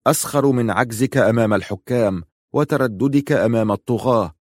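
A man reading an audiobook, slow, grave and mournful. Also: medium pitch, darkish tone, no room sound, clean studio sound. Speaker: narrator.

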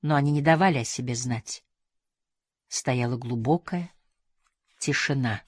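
A woman reading a novel aloud as audiobook narration, measured and even. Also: very deep voice, husky, no echo. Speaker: audiobook reader. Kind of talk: scripted narration.

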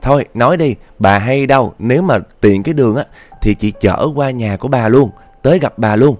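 A man's voice: medium pitch, fairly quick, darkish tone, soft background music, natural voice. A man voicing a kind young woman student, coaxing and concerned as she asks questions.

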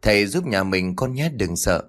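A man voicing a father who gently comforts his son. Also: fairly low pitch, big pitch swings, moderate pace. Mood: soothing. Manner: soothing.

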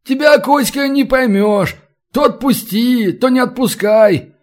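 A man voicing a boisterous, mocking brawler who haggles loudly over a captive. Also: extremely high pitch, measured pace, voice pushed up. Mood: haggling. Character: boisterous bargaining male brawler, Belarusian.

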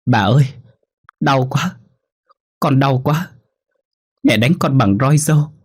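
A small ghost child's voice, pitched high above a man's usual register and full of plaintive, tearful begging, as a male storyteller puts it on. The voice is slightly husky underneath. It belongs to a spoken ghost story. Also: slow. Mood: pleading, mournful. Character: ghost of a small unnamed child, beaten and abandoned, pleading.

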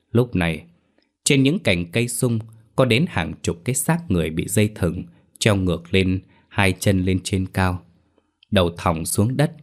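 A man reading a horror story aloud as a storyteller, in a measured, slow manner. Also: low voice. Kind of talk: scripted horror story narration.

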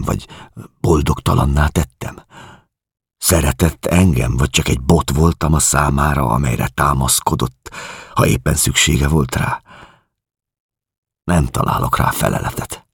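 A man reading an audiobook, voicing a grieving middle-aged refugee who speaks in a quiet, confessional, searching way. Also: a bass voice, pauses often, husky, dry recording, clean studio sound, exaggerated voice.

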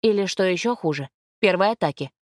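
A woman narrating a crime novel chapter in an even, steady storytelling voice, recorded dry. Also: on the low side, fairly quick, no room sound. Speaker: audiobook narrator.

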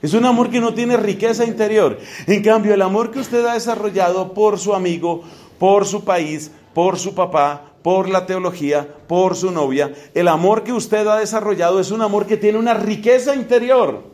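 A Colombian man in his fifties whose voice sits notably high for a man. He gives a priestly lecture in a Colombian Spanish accent and talks with his audience like a conversation, often putting questions straight to them. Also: normal speed, darkish tone. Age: 50s. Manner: conversational, questioning the listener directly. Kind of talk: theological lecture.

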